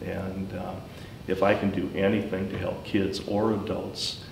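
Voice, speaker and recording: A middle-aged man giving a personal account in informal talk, speaking haltingly and pausing often mid-sentence. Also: flat delivery, gravelly. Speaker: school superintendent, former teacher. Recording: roomy, distant mic, faint rumbling noise.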